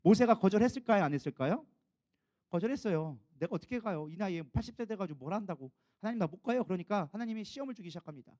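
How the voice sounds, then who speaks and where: A man's voice: high voice, expressive, quick pace, dark tone, dry recording. A male co-pastor preaching a sermon, telling the story with animation and putting questions to the congregation.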